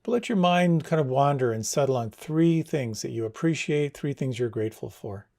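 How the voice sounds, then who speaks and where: Male meditation guide, soft and unhurried, dark and gravelly. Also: mid-range voice, expressive. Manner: slow, soft, soothing instructions.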